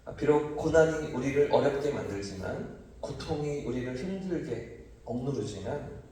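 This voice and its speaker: A man's voice: mid-range voice, darkish tone. A man preaching as pastor at a dawn prayer service, asking rhetorical questions and rising to emphatic cries. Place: church sanctuary. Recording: distant mic, heavy church echo.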